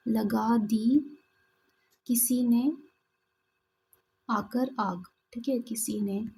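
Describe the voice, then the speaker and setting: Slow, husky-voiced woman teacher. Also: on the high side, steady tone, dark tone, poor audio. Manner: slow, explaining, reads verse examples aloud with pauses. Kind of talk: exam-prep lesson.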